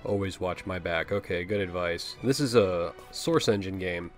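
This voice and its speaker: A man's voice: low voice, moderate pace, soft background music. A young man hosting casual let's-play commentary, joking, swearing and offhand as he plays. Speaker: host.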